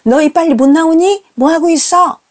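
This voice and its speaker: A woman voicing a strict middle-aged mother who scolds her children with sharp, reproachful questions. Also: medium pitch, very animated, unhurried. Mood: shrill nagging.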